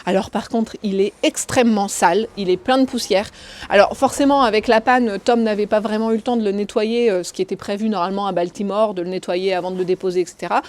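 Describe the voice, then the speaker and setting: A woman's voice: mid-range voice, steady tone, quick pace, a little mellow. A woman travel vlogger talking casually, chatty and hesitant with fillers. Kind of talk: casual chat.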